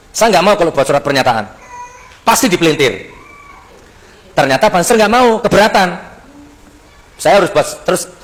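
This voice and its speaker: A man telling a story in a sermon, acting out the dialogue and rising sharply when indignant. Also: fairly high pitch. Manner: acts out dialogue in Javanese-tinged speech. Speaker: preacher.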